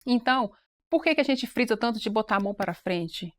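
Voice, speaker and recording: A woman presenting on a church program, explaining sign language in a relaxed, quick, animated way. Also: fairly high pitch. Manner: self-described fast-paced, animated explainer. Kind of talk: casual panel chat.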